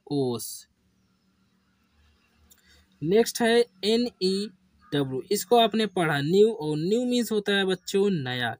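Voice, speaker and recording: Slow, dry-voiced male teacher. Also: high voice, dry recording. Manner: slow, repetitive call-and-response drilling. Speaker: English teacher. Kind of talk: classroom lesson for beginners.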